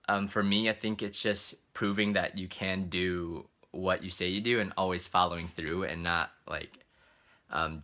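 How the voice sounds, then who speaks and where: A travel video host chats casually in a live Q&A, answering comments read out to him in an informal, rambling way as he thinks aloud. His voice is low, pushed and bright.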